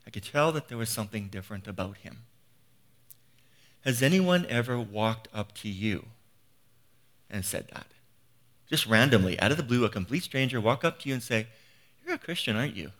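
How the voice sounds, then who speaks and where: A man's voice: mid-range voice, expressive, normal speed, long pauses, fairly bright tone. A man in his fifties giving an earnest, conversational sermon, often restarting phrases and asking rhetorical questions. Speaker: preacher.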